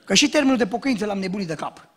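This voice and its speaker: Brief: male pastor, high and very lively sermon voice, acts out dialogue. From Romania. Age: young adult. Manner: animated storytelling, acts out shouts and dialogue, jokes.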